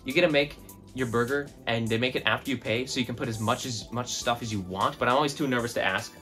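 A man's voice: medium pitch, quick pace, soft background music. A man giving an opinionated food rant as a vlogger. He talks emphatically and keeps tagging his points with "right?" and "okay?". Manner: emphatic, animated, tags lines with "right?" and "okay?".

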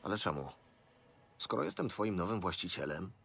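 An actor voicing a gruff, skeptical male mercenary with a blunt, sarcastic manner in a video game, with faint noise behind. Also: low voice, big pitch swings, normal speed, a bit bright, heavily acted. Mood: wry.

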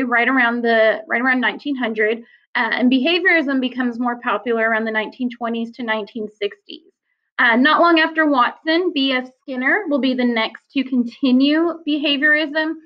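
A psychology teacher with a high voice gives a lecture at normal speed, explaining ideas in a relaxed, conversational style with occasional "um" and "uh." The audio comes across as somewhat dull and lo-fi.

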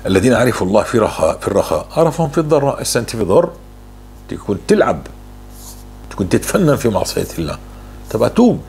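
A man's voice: on the low side, very animated, quick pace, creaky, darkish tone, slight background noise. A man answering religious questions, fervent and repeating words for emphasis. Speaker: religious speaker.

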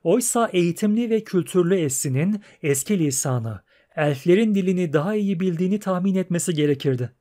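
A man's voice: high-pitched, lively intonation, a little fast, warm tone. Man narrating a fantasy audiobook.

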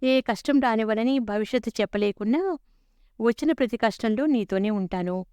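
A woman's voice: on the high side, moderate pace, mellow, smooth, no echo, studio quality, natural voice. A woman voicing an earnest young man who eagerly pleads his love in a read-aloud story. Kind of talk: storybook character reading.

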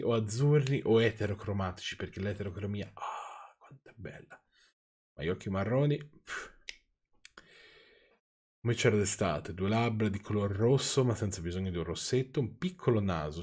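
A man's voice: on the low side, animated, fast, few pauses, a little mellow. Sarcastic Italian man reading stories. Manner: sarcastic asides, dry and teasing. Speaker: channel host reading viewers' stories. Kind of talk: reading aloud with off-the-cuff commentary.

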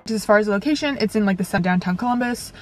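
Parked in her car, a young woman chats casually to a dashboard camera while reviewing coffee shops, racing along in a mid-range, slightly mellow voice. Soft music plays in the background, and her vlog talk is packed with filler words.

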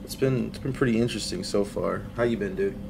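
A man's voice: on the low side, quick pace, vocal fry, noisy background. A man on a livestream headset mic, giving casual gameplay commentary and greeting chat by name with slangy "bro" and "dude". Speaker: game streamer. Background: game music.

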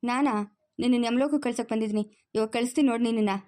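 Defiant cartoon hero, threatening, voiced by a woman, mellow dark tone, fast lines. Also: on the high side, steady tone, no room sound, close to an everyday voice. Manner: threatening, challenging. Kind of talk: cartoon voice acting.

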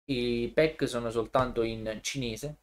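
A man's voice: medium pitch, fairly even intonation, measured pace. A man co-hosting a casual live stream, explaining anime series at length in a chatty, informal way. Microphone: streaming setup microphone.

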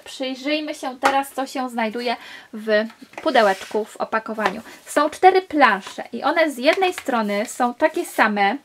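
A woman's voice: on the high side, a bit bright, a little hiss or hum. A woman reviewing a children's board game on video, explaining enthusiastically step by step as she handles the pieces.

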